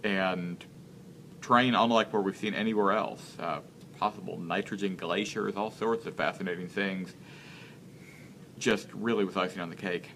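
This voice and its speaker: A man in his thirties, an interview guest speaking in a casual live-stream chat, earnest and halting as he searches for words. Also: deep voice, fairly even intonation, creaky, fairly bright tone, slight background noise. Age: 30s.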